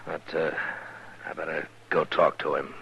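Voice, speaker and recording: An actor playing a stern, steady frontier marshal in an old radio western, terse and matter-of-fact. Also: male voice, a bass voice, moderate pace, gravelly. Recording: noisy, muffled old radio broadcast.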